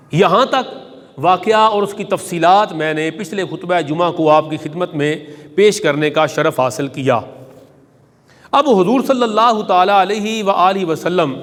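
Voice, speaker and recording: A man's voice: high-pitched, in a large hall. A man preaching a Friday sermon, telling a sacred story reverently and reciting Arabic hadith.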